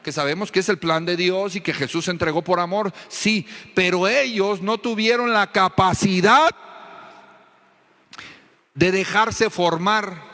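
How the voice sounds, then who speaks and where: A pastor preaches with a high, ringing and bright voice, pressing hard and confronting his listeners. He keeps drawing answers from the congregation, and his words carry a long reverb through a church hall. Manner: emphatic, confrontational preaching with call-and-response to the congregation. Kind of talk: sermon. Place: church sanctuary.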